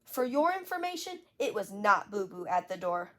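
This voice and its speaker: A woman's voice: mid-range voice, sing-song, normal speed, fairly bright tone. A woman reading aloud, voicing a bold, dramatic little girl who loves witch stories. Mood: eager.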